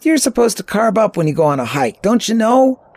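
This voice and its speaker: A man putting on an excitable teenage boy. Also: high-pitched, fairly quick, creaky, no echo, voice pushed up, exaggerated voice. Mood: rambling. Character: eager chatty teenage boy hiker.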